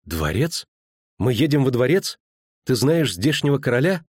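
A sharp-tongued young girl, teasing and sulky, done by a man lifting his low voice. The reading sits higher than his narration, dry and close-miked. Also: animated, moderate pace, breathy edge, no echo.

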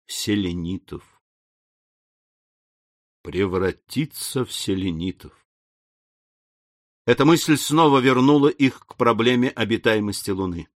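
A man narrating a novel with steady, deliberate pacing in a mid-pitched voice. The recording is dry and close-miked, with no room sound at all. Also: no room sound. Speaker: audiobook narrator. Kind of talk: scripted narration.

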